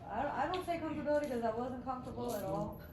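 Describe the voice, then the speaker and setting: A woman in a recovery group sharing her story hesitantly, pausing with many fillers. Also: fairly high pitch, a crowd in the background. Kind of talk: personal sharing. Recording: distant roomy recording with noise.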